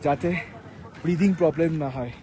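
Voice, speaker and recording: Indian guy vlogging his motorbike trip up a mountain, quick high voice, a bit out of breath, noisy outdoor recording. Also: mellow. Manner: talks slowly in short phrases to save breath. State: short of breath at high altitude. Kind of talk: casual travel vlog narration. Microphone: action camera or phone on the bike trip.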